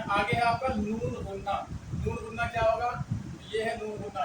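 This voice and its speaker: A man's voice: high-pitched, recorded from a distance. A man teaching a beginner language lesson, patiently asking questions and answering them himself, repeating key words. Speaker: Urdu teacher. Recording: echoey, mic set back, traffic noise.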